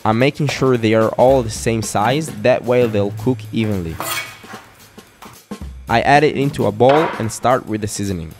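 A young man giving calm, step-by-step cooking instructions in a scripted voice-over. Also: lowish voice, moderate pace. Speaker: fitness cooking creator. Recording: voice-over over loud music. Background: background music.

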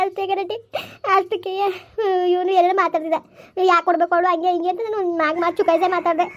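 A tearful, aggrieved young village wife, played by a woman in a comedy skit. Her high voice stays flat in pitch as she pours out complaints at great speed. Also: lo-fi sound.

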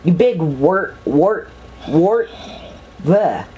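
Melodramatic let's-play commentator, slow and lively. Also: medium pitch, a little hiss or hum, poor audio. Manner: melodramatic, panicky, repeats words in long strings. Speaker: gameplay commentator.

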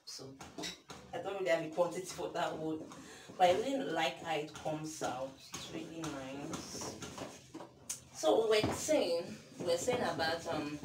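A young Nigerian woman in her twenties, speaking in a low voice with a Nigerian accent, chats her way through a baking tutorial while working in her small home kitchen. As a baking vlogger she's chatty and self-deprecating. A camera mic across the kitchen picks her up from far off, so the sound is echoey and noisy.

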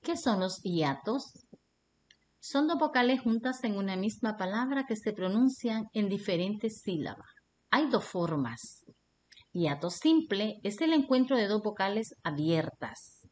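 A woman teacher with a Honduran Spanish accent, reading a scripted lesson in a slow, deliberate way. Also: medium pitch, very animated, darkish tone, a little hiss or hum.

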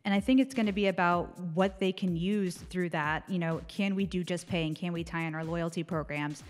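A young American woman presents a podcast segment with casual, conversational commentary, her lowish voice brisk and sounding as if in a large hall with faint music behind. She is in a small, dark indoor studio, speaking into a close microphone on a desk stand.

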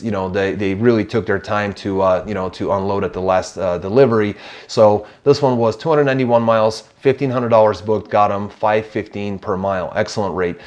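Low-voiced man reeling off freight numbers. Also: darkish tone, highs cut off. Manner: brisk, number-heavy delivery with frequent "uh" and "you know". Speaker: truck dispatch company host. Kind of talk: business recap to camera. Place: small office, indoors, seated in leather chair. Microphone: lapel mic.

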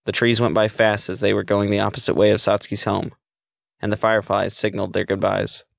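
Male storyteller, low pitch, gravelly tone, dry close sound. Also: little pitch movement, fairly quick, no room sound. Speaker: narrator. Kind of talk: reading a story aloud.

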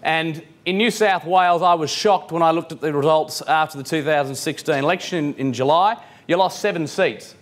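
A man's voice: fairly high pitch, normal speed, hardly any pauses. Young man from Victoria, gesturing animatedly. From Victoria, Australia. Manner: gesturing, lively, fillers like um. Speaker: guest speaker. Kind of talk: animated conference speech. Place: conference hall on stage.

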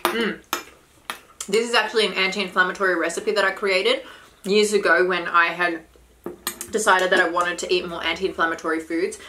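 Her voice is fairly low and level, moving at a moderate pace with a bright, forceful tone. A woman in her thirties, she works as a vlog host and health coach, chatting casually and sharing health advice while eating at a table in a small room indoors. Background noise and clinking cutlery and bowls reach the camera, which sits a short distance away.

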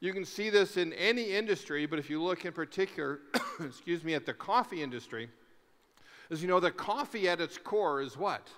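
A man's voice: a little high, lively intonation, a little fast, fairly bright tone. A middle-aged man giving a conference keynote on a large stage through a headset mic, emphatic and fond of rhetorical questions and repeated lists. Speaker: keynote speaker. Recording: long hall reverb.

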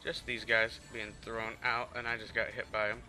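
A man giving excitable play-by-play commentary over a video game, repeating words when he panics. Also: medium pitch, normal speed, faint music behind. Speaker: gamer.

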